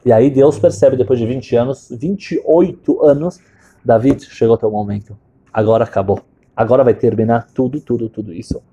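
A man, a religious teacher telling a story in a sermon, animated and full of Hebrew terms. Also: medium pitch, normal speed, breathy edge, lo-fi sound.

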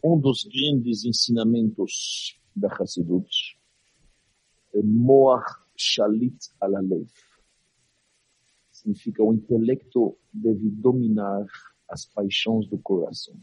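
A man with a foreign, non-native accent tells religious stories in a sermon, in a dramatic, emphatic manner with pauses and repeated phrases. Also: on the low side, steady tone, darkish tone, husky, no echo, rough recording. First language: not Portuguese.

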